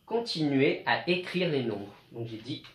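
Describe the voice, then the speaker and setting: Man teacher talking slow and clear to little kids, mid-pitched voice, echoey room. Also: lively intonation, fairly bright tone, slight background noise. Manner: slow, clear, patient, speaking to young children. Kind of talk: home-schooling video lesson for children.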